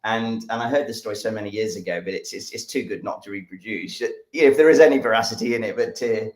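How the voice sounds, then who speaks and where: Enthusiastic English man with a lowish voice. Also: fast, a little mellow, echoey room. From England. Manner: enthusiastic, rambling, many fillers. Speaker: science educator. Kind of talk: live-streamed science demonstration.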